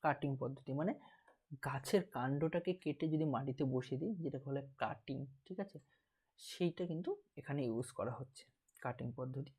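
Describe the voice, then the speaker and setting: A man with a Bengali accent walks through an exam paper like a teacher, repeating key terms and posing questions he then answers himself. His voice is medium-pitched, slightly mellow and husky, at a moderate pace.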